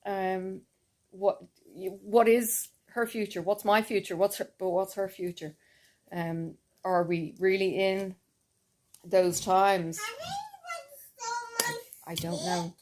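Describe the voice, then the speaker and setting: A woman's voice: medium pitch, steady tone, slow pace, darkish tone. Woman, casual chat, rambling, laughs often, easygoing. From Ireland. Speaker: cross-stitch vlogger.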